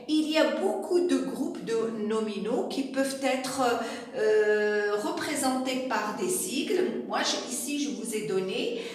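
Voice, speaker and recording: A woman teaching a primary school class, who explains slowly with examples and checks in with her pupils. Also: a little high, lively intonation, recorded from a distance. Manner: slow, explains with examples and asks "D'accord?". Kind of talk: recorded classroom lesson. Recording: echoey room, voice from away from the mic.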